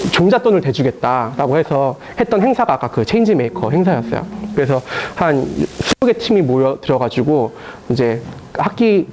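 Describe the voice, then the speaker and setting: A man who works as a teacher, telling lively stories to an audience with lots of fillers and laughter. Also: fairly high pitch, slight background noise. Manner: animated storytelling with frequent fillers and laughs. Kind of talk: casual talk to a live audience.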